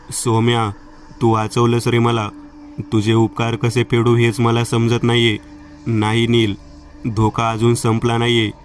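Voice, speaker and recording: A man narrating a horror story and reading the dialogue of two friends in a steady storytelling manner. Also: medium pitch, far from the mic, slight background noise.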